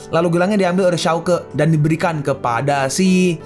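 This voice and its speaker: A man's voice: a little high, moderate pace, a little mellow, faint music behind. A man casually retelling a comic story as narrator, chatty and adding little asides. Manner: chatty, adds "nih" asides.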